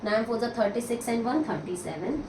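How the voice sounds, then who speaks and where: A woman teaching a maths lesson step by step, counting sums out loud and answering her own questions. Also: fairly high pitch, fairly quick, recorded from a distance. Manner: counts out sums aloud, mixing in English. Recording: echoey room, voice from off the mic, steady noise.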